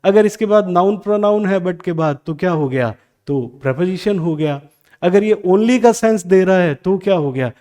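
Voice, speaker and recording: A man teaching English grammar in Hindi, asking questions and answering them himself, reading example sentences slowly with an Indian English accent. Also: high-pitched, mellow. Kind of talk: classroom grammar lesson.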